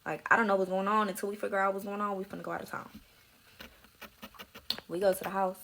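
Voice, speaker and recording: Young woman, gravelly, candid and emotional, swearing, slips into soft near-whispers, faint background noise. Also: mid-range voice, flat delivery, fast talker. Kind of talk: emotional personal storytelling.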